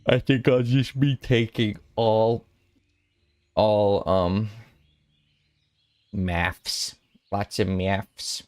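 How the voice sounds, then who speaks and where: Low-voiced rambling young man streaming. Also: level tone, very slow, pauses often, darkish tone, dry recording. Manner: rambling, playful, giggly asides to chat. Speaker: VTuber streamer. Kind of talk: casual stream chat with viewers.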